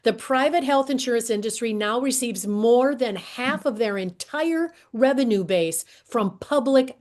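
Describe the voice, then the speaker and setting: Hoarse older woman giving a talk. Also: fairly high pitch. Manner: earnest, clears her throat often, walks through slides. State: hoarse, losing her voice. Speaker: guest speaker, healthcare advocate. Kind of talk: presentation talk.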